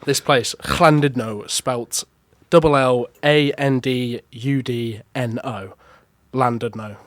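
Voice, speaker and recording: A man's voice: mid-range voice, takes it slowly, no room sound, clean studio sound. Young man telling a story on a podcast. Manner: chatty, self-amused storyteller. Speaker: podcast co-host. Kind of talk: casual podcast chat, storytelling.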